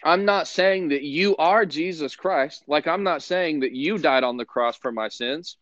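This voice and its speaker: A man's voice: on the high side, a little slow, a bit bright, no echo. Male preacher, live broadcast, earnest and conversational, quotes scripture, dull dry recording.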